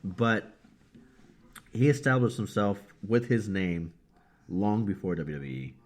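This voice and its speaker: A podcast co-host chats casually about wrestling, rambling through his points, laughing easily and mocking himself. His voice is fairly low and darkish, animated but slow-paced.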